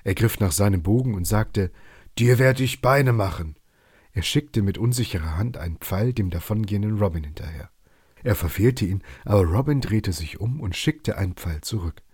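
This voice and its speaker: A man telling a bedtime story in a calm, even storytelling manner, with a husky voice. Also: lowish voice, fairly quick, no echo, clean studio sound.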